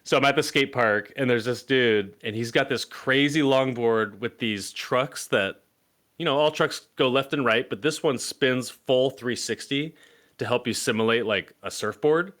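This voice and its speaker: An excitable man in his late thirties co-hosting a film podcast, his stories full of laughter. His tone is bright and lively. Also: medium pitch, a little slow. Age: 30s. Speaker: podcast co-host. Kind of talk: casual chat.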